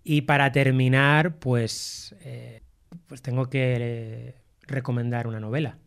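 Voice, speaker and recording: A man's voice: mid-range voice, little pitch movement, slow pace, creaky, smooth. A man hosting a radio talk show, joking and rambling, sometimes losing his train of thought. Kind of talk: casual chat.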